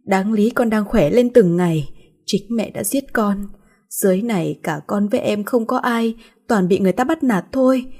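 A woman voicing the ghost of a dead child who speaks through a young woman, pleading in a slow, eerie half-whisper. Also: mid-range voice, a little mellow, breathy edge. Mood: wailing accusing.

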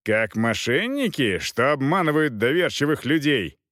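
A man's voice: mid-range voice, big pitch swings, moderate pace, a bit bright, no room sound, clean studio sound. A man playing a proud, cutting knight. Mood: angry. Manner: cutting, accusing. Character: proud male knight, cold, haggling, quick to anger.

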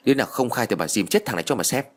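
In an animated, natural voice, a man plays a foul-mouthed old village woman. She's furious, scolding and cursing rapidly in a shrill tone.

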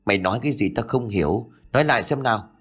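A man voicing a blunt, quick-tempered old village farmer in an audiobook ghost story. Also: on the low side, lively intonation, fairly bright tone. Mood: gruff. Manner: blunt and gruff.

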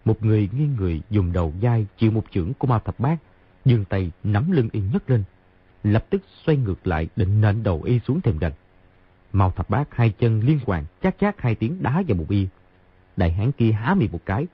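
A man narrating a martial-arts novel in an expressive, brisk storytelling way. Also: fairly low pitch, husky, dry recording. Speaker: audiobook narrator. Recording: tinny phone-like sound.

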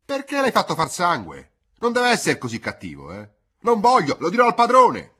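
A man voicing an old peasant woman servant who scolds children in a shrill, angry voice. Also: huge pitch swings, moderate pace, bright, forceful tone, husky, exaggerated voice.

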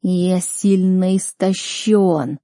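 A woman voicing an exhausted male magical predator beast that speaks quietly and slowly in an audiobook. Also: mid-range voice, fairly even intonation, dry recording, studio quality. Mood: weak, urgent. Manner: slow, quiet and strained. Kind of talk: audiobook character voice.

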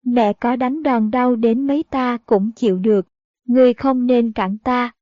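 A woman voicing a kind, gentle young noble girl who speaks earnestly. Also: a little high, fairly even intonation, unhurried, no echo, natural voice. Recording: dull, dry audiobook recording.

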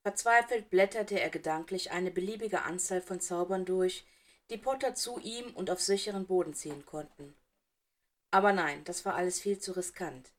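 A woman's voice: lowish voice, moderate pace. A woman reading fan fiction aloud with dramatic, emotive narration. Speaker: audiobook reader.

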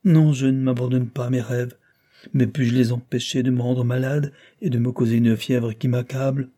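A man reading aloud voices a sickly, anxious older woman who talks in a hushed, plaintive way. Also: medium pitch, steady tone, normal speed, pitched above the performer's own voice, close to an everyday voice. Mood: fearful, plaintive. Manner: fearful, plaintive.

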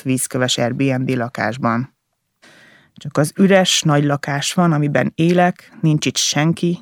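A man reading a first-person novel aloud as an audiobook narrator, with an intense, emotional delivery in short, halting phrases. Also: on the high side, creaky, no room sound, studio quality.

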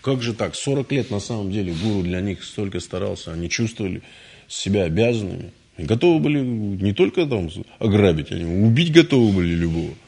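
A man's voice: fairly low pitch, animated, a little fast, creaky, a little mellow, breathy edge. A man giving a devotional lecture in a conversational, storytelling manner, often restarting his words. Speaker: spiritual lecturer.

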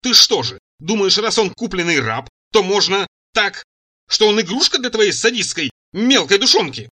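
A man's voice: big pitch swings, normal speed, pushed and bright, breathy edge, exaggerated voice. A man reading an audiobook, voicing a furious, hysterical young woman who shrieks accusations. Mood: shrieking furious. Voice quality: shrill shrieking.

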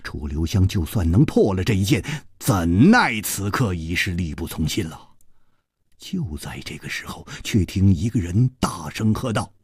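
Male storyteller, lower voice, huge swings in pitch, slow deliberate telling, very dry studio. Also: husky, dry recording. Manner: dramatic, expressive narration. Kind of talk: traditional Chinese oral storytelling.

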